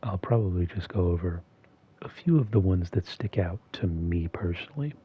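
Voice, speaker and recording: A man hosting a video in a soft-spoken, half-monotone voice that is often whispered and slightly strained. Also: low voice, normal speed, breathy edge, muffled recording. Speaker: video host. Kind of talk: soft-spoken ASMR-style commentary.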